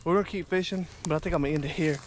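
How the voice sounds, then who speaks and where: Excited fishing vlogger outdoors. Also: male voice, on the high side, racing. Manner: excited, talks to viewers as "you guys". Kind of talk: casual outdoor vlog narration. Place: outdoors by a lake on a windy day. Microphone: action camera. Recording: outdoor camera mic with wind noise.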